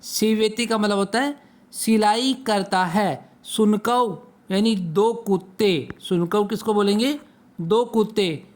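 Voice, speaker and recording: A man teaching a Sanskrit lesson to children, patiently asking questions and answering them himself. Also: high-pitched. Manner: slow, patient, asks and answers own questions.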